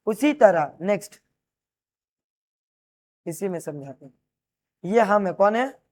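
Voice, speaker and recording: A man's voice: high voice, animated, slow pace, a little mellow. A man teaching a class, who asks his students questions and answers them himself while he writes on a board. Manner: repeats key terms as questions and answers them; explains while writing on a board. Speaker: commerce teacher.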